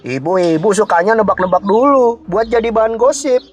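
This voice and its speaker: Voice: medium pitch, normal speed, close to an everyday voice. Someone voicing a gossipy cartoon mom. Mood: breezy. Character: gossipy mother of a boy. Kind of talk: cartoon voice acting.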